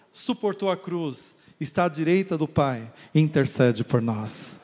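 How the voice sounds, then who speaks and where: A man preaching a sermon as pastor, calling on the congregation to raise their hands and answer back. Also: sits high. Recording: long reverb of a church hall.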